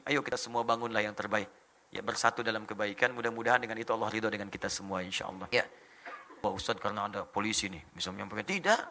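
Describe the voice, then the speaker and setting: A male preacher, giving an animated sermon and mimicking phrases from foreign languages. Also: medium pitch, vocal fry, slight background noise.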